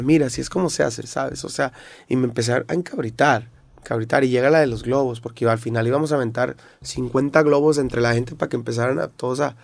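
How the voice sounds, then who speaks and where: Gravelly Mexican man telling a story. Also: medium pitch, dry recording. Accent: Mexican Spanish. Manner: animated retelling with acted-out quotes. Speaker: podcast guest, rapper. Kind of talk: casual storytelling interview.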